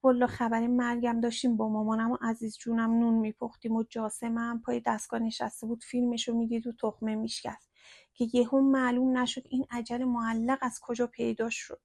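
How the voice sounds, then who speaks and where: A woman's voice: fairly high pitch, little pitch movement, a little mellow, no echo, studio quality. Woman doing a frightened tearful young woman. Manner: shaky, pleading, urgent.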